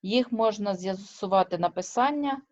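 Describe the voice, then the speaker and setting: A woman's voice: medium pitch, darkish tone, dull audio. A woman teacher giving a remote lesson. She stresses and stretches her example words and keeps checking with her students through short questions. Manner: slow, careful, stresses and drawls example words.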